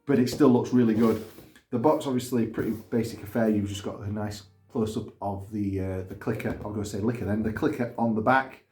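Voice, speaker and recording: A man's voice: on the low side, steady tone, a little fast, a little mellow. A man hosting a casual gaming video, chatting in a rambling, self-deprecating way. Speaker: gaming YouTuber host. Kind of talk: casual chat. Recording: roomy echo.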